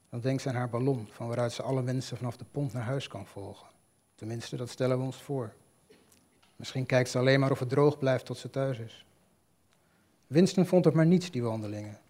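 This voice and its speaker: A man calmly reading a literary short story aloud in a measured, storytelling way. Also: medium pitch. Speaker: reader. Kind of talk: scripted narration of a short story.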